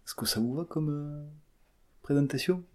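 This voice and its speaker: Speaking at a normal pace in a slightly high, warm voice, a young man from the south of France, a student in his twenties, stumbles through interview answers with frequent fillers and false starts.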